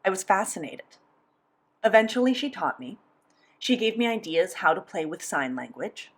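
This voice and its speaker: With a medium pitch and a breathy edge, a woman interprets a sign language interview aloud, keeping her first-person speech measured and steady.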